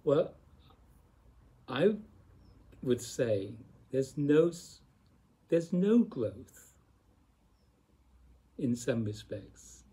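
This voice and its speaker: A man giving a slow, reflective spiritual talk, speaking deliberately with long pauses and repeated phrases. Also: medium pitch, sing-song, warm tone, breathy edge. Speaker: spiritual teacher.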